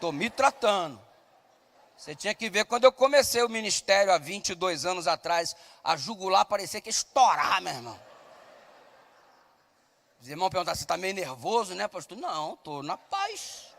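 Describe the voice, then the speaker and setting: Loud male preacher with a very high voice, telling comic stories in a reverberant church hall. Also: lively intonation, brisk, vocal fry. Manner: loud, shouting at times, acting out voices in his stories. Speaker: pastor. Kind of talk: sermon with comic storytelling.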